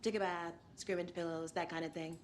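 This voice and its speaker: A woman's voice: on the low side, little pitch movement, fast talker, close to an everyday voice. A woman playing a brash, sardonic writer in a video game. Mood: wry, defensive. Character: brash, sardonic female true-crime writer. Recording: faint background ambience noise.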